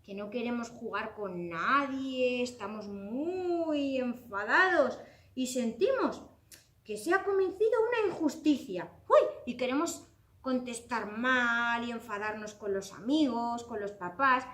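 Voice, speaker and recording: Animated woman telling a children's story. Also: on the high side, measured pace, roomy sound. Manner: expressive, exclaiming, addressing children directly.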